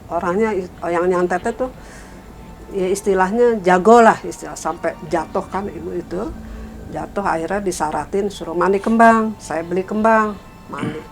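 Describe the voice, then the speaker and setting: A middle-aged woman recounting a family story in casual talk, raising her pitch when she quotes others and trailing off softly afterward. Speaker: guest telling her story.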